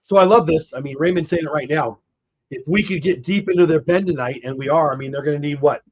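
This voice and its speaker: Hoarse man hosting a baseball watch party. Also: on the high side, fast, lo-fi sound. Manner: excited, reacts to plays, talks to chat. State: hoarse, losing his voice. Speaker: livestream watch party host. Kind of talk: live baseball watch-along chat.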